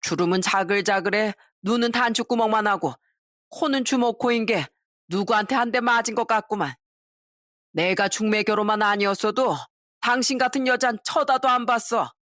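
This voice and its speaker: A woman's voice: mid-range voice, normal speed, a bit bright, no echo, studio quality, close to an everyday voice. A woman voicing a selfish, abusive father-in-law in his sixties who belittles and rants, often drunk. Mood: contemptuous. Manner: scornful, belittling, drunken ranting.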